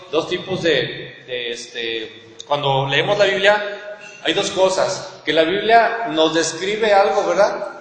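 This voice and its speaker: A man with a Mexican accent preaching a sermon as pastor, earnestly asking his listeners rhetorical questions. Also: fairly high pitch. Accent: Mexican Spanish. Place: church hall. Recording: echoey church hall with long reverb.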